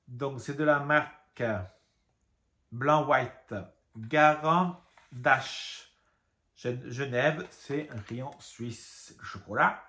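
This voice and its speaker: A man vlogs from home about his craft supplies in a casual, rambling way, full of fillers and little asides. His voice sits at an ordinary middle pitch. The room around him is noticeably echoey. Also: fairly bright tone, slight background noise. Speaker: craft vlogger. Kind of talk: casual show-and-tell vlog.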